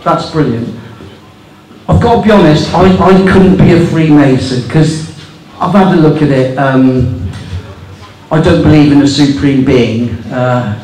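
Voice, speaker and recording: A man's voice: high voice, darkish tone, slight background noise. A man in his fifties doing stand-up on a small club stage, reading rules aloud in a mocking, incredulous way and swearing for laughs. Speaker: stand-up comedian. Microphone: handheld mic on stand. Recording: echoey room recorded from far off.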